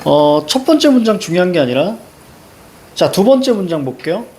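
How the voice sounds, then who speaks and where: A man's voice: high-pitched, sing-song, moderate pace, darkish tone, slight background noise. A man lecturing to a class, drilling students with rhetorical questions and short, emphatic commands. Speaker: Korean reading teacher. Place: classroom with a blackboard.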